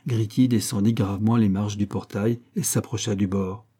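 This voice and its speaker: A man narrating a literary story in a measured, expressive reading style. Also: on the low side, slightly rough. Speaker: audiobook reader.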